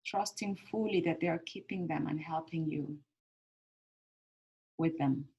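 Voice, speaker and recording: A woman leading a calm grounding meditation as a guide, speaking gently and soothingly in short phrases with pauses between them. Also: sits low, slightly rough, highs cut off.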